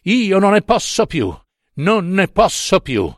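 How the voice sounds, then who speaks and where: A man voicing a drunk, weeping older male professor who pleads in a high, strained voice. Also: animated, measured pace, no room sound, clean studio sound, lightly acted. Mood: desperate pleading. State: drunk, crying.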